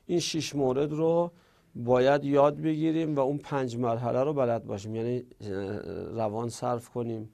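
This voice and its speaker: A man's voice: mid-range voice, gravelly, warm tone. A man teaching an Arabic grammar lesson in Persian. He reads rules from a textbook, then explains them in casual speech and repeats his examples.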